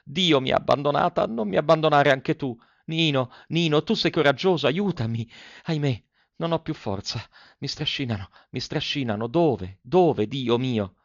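A man's voice: mid-range voice, measured pace, creaky, dry recording, lo-fi sound. A man voicing a frightened young novice nun who is losing her mind, reading her diary in a pleading, feverish way with repeated cries. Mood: terrified, frantic. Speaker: audiobook reader.

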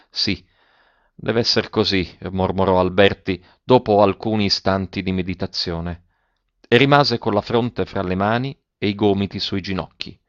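Male audiobook narrator, grave and measured, low voice; dull lo-fi audio. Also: clean tone, no echo. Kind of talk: scripted narration. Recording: dull, dry lo-fi recording.

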